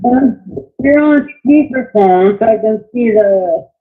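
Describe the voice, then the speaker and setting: A woman's voice: on the high side, lively intonation, slow. A woman calling in to a show on speakerphone, sounding a little nervous and hesitant. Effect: on speakerphone over a phone line. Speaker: caller. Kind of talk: call-in show conversation. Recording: tinny, echoey speakerphone phone line.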